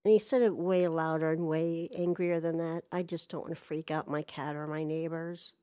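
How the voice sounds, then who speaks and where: A woman's voice: low voice, fairly even intonation, normal speed, warm tone, smooth. A woman casually telling a personal story, rambling and exasperated, swearing freely.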